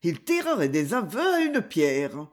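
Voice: mid-range voice, wildly swooping pitch, a little slow. A reader voicing a cool, commanding young woman detective in an audiobook, who can slip into a stammering tipsy act. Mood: cold commanding. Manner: shifts from drunken stammering to icy command.

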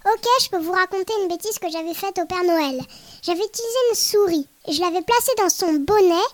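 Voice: extremely high pitch, brisk. A very young-sounding performer playing a small mischievous Christmas elf in a children's podcast, talking in a simple, childlike way. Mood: mischievous, proud. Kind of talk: playful children's podcast role-play.

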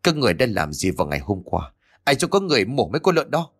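A man voicing an angry older village man, barking rough threats. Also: on the low side, wildly swooping pitch, quick pace, fairly bright tone, no echo, studio quality, soft background music, full character voice. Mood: suspicious.

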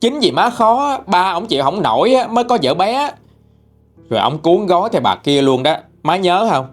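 A man voicing an exasperated middle-aged son who argues loudly with his mother in a Southern Vietnamese accent, inside a spoken ghost story. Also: sits high, very animated, moderate pace, faint music behind, pitched above the performer's own voice. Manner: loud, pleading then shouting.

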